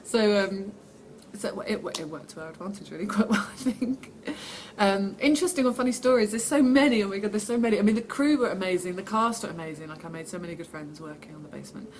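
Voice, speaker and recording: A woman with a medium-pitched voice talks quickly, giving casual, chatty interview answers as an actress who pokes fun at herself and reads the questions aloud on her own. Steady background noise runs through the recording.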